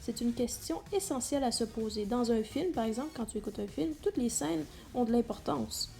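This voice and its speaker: Soft music plays as a woman presents an instructional video, talking a little fast in a fairly high, dark voice with vocal fry. She explains the lesson directly to students and stresses key words.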